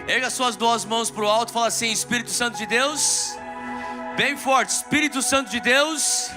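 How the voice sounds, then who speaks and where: A man in his forties from São Paulo with a São Paulo Brazilian Portuguese accent, preaching a live sermon and leading prayer with fervent exhortations and frequent restarts. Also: extremely high pitch. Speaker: pastor. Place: large church auditorium with live audience.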